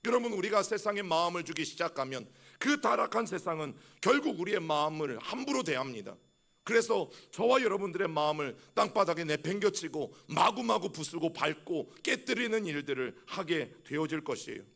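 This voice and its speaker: A man's voice: on the high side, very animated, fairly quick, creaky, fairly bright tone. A middle-aged male senior pastor preaching a sermon with passion, often calling out to his congregation and acting out heartfelt prayers. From South Korea. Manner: impassioned preaching with repeated direct address to the congregation; acts out heartfelt prayers aloud.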